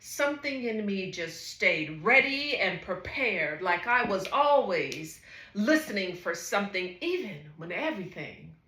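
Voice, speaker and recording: A woman, a psychotherapist, performing a slow spoken-word monologue with soft, lilting exclamations. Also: mid-range voice, big pitch swings. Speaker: psychotherapist and wellness coach. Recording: echoey room.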